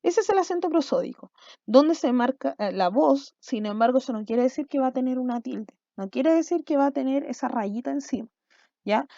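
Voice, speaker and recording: A woman's voice: high voice, lively intonation, fairly quick, gravelly, mellow, no echo, muffled recording. Woman teacher explaining grammar. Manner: explanatory, checks in with "¿ya?" and "¿cierto?". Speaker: school language teacher. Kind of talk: recorded video lesson.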